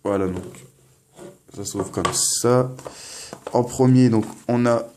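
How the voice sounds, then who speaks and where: A man's voice: mid-range voice, slow, warm tone, slight background noise. Hesitant young man unboxing. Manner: hesitant, many fillers and restarts. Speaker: unboxing vlogger. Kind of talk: casual unboxing narration.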